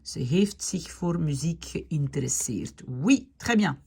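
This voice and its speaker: A woman teaching a grammar lesson step by step, checking in often with her students, slowing down to spell out words and giving encouragement. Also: low voice, expressive, creaky, mellow, husky. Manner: slows down to spell out Dutch words. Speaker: Dutch teacher.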